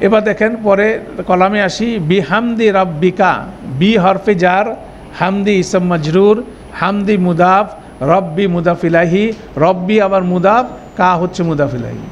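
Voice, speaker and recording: Male teacher, high voice, patient step-by-step classroom explainer, slight room hiss. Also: normal speed. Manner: explains step by step with frequent check-ins. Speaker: Arabic grammar teacher. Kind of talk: classroom lecture.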